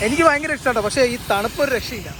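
A man's voice: very high-pitched, very fast. A man with a Kerala accent chatting casually to viewers as a vlogger, mixing English words and phrases into his Malayalam with enthusiastic slang. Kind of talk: casual travel vlog chat. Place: outdoors by a road in rain. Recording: loud traffic, engine and rain noise.

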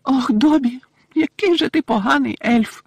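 Winky, a man doing a shrill weeping female elf. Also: normal speed, vocal fry, slightly rough, dry recording, full character voice. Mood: scolding tearful. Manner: shrill, sobbing, broken grammar. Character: weepy loyal female house-elf.

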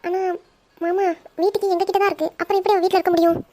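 A woman voicing a worried, tearful mother in an animated story, pleading in a high voice. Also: rapid-fire, no room sound.

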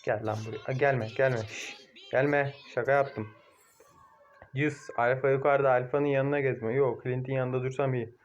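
A young man casually commentating his own mobile game match, excitable, cursing at teammates and shouting now and then. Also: mid-range voice, normal speed, highs cut off, slight background noise. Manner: excitable, swears and shouts at teammates, laughs loudly.

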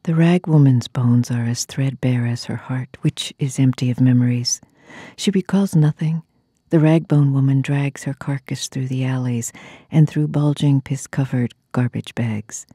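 Deep and dark with a husky grain, a woman's voice performs spoken-word poetry theatrically and deliberately, slipping into breathy, hushed drops. It's a close, dry recording.

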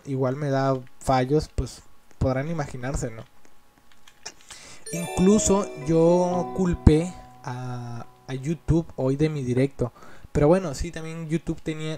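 A man with a Mexican accent chatting casually over gameplay as a gaming YouTuber, rambling and complaining in an annoyed way. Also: a little high.

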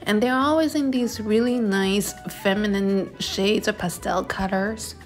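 A woman's voice: mid-range voice, fairly even intonation, a little slow, over music. Chatty woman vlogger reviewing handbags. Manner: chatty, descriptive, reviewing products. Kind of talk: casual vlog narration.

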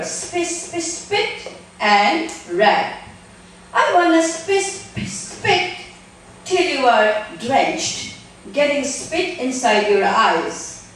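At a poetry open mic on a small indoor theater stage, a middle-aged woman acting as guest reader introduces and performs spoken-word poetry in a slow, deliberate way. Her fairly high voice goes into a handheld mic but is captured by a distant camera, so it sounds far away in a very echoey room.

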